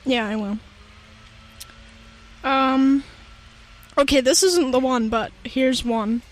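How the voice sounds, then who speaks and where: A woman chats as a podcast guest in a notably high voice. She talks loosely and trails off into fillers. She is recorded outdoors on a patio. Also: fairly even intonation, takes it slowly. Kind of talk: casual chat.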